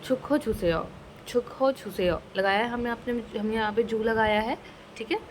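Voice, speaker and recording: A woman teaching a casual language lesson, slowly explaining each phrase and repeating it twice, mixing English words into her talk. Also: on the high side, slight background noise, rough recording. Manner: mixes English words into Hindi.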